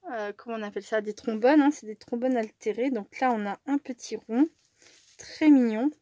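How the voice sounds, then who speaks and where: A French-speaking woman chatting casually as she opens her mail, easily delighted, laughing often and sometimes dropping to a soft whisper. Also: a little high, a little fast, no echo. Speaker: crafting channel host. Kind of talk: casual chat while opening mail.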